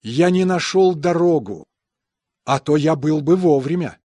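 A man's voice: on the high side, unhurried, dry recording. A man reading translated example sentences evenly and carefully for a language course. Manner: even, careful enunciation. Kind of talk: scripted phrase reading.

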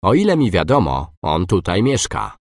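Deep, lively male phrase reader. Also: no echo, studio quality. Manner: slow, clear, reads masculine and feminine forms. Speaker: language course speaker. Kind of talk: scripted phrase reading.

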